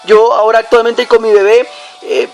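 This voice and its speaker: High-pitched, gravelly young preacher man. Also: little pitch movement, moderate pace, soft background music. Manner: speaks directly to the listener in numbered points. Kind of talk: devotional teaching on prayer.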